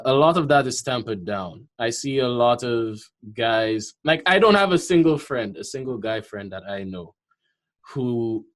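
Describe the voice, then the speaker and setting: A host leading a casual interview, relaxed and full of fillers, inviting viewers to comment. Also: medium pitch. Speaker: podcast host.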